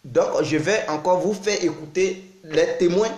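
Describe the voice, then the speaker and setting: A man's voice: high-pitched, a little slow, a little mellow. Insistent man in an echoey room. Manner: insistent, repetitive, urging listeners. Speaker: accusatory commentator. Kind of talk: denunciation monologue.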